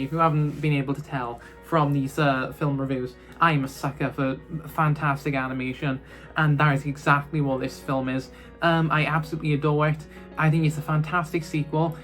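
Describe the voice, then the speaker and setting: A man reviewing films in a casual, rambling chat, full of fillers and restarts. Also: a little high. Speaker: film reviewer.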